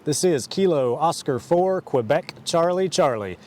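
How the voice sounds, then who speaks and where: A man operating an amateur radio outdoors in a park, making a ham radio call and spelling out his call sign in phonetic alphabet with a steady, repetitive procedure cadence. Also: fairly high pitch, a little slow, slight background noise.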